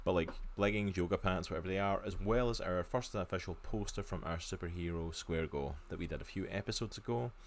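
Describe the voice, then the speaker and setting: A man's voice: low voice, brisk, few pauses, slight background noise. A Scottish man with a Glaswegian accent, in his thirties, co-hosting a casual podcast from home over a video call, chatty and enthusiastic with lots of fillers. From Scotland, near Glasgow. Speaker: podcast co-host. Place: home room.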